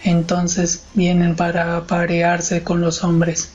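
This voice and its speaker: A man voicing a grave, superstitious old woman in an audiobook reading, speaking slowly in a hushed murmur. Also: on the high side, completely flat delivery, dull audio, a little hiss or hum. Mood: grave warning. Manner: slow, hushed, murmuring delivery.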